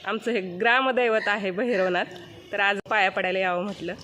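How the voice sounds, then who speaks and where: A woman's voice: mid-range voice, fairly even intonation, moderate pace, bright, forceful tone, a little hiss or hum. A middle-aged woman narrating a casual village vlog outdoors, chatty and pointing things out to viewers. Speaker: vlogger. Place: outdoors around a village home and farm. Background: birds and outdoor ambience.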